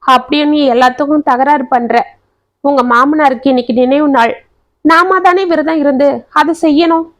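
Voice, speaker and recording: ஒரு பெண் கதைசொல்லி, பொறுமையான விதவைத் தாயின் குரலில் மென்மையாகக் கெஞ்சிப் பேசுகிறார். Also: female voice, high voice, moderate pace, lightly acted. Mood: chiding. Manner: pleading, gentle. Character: patient widowed mother, pleading and tearful.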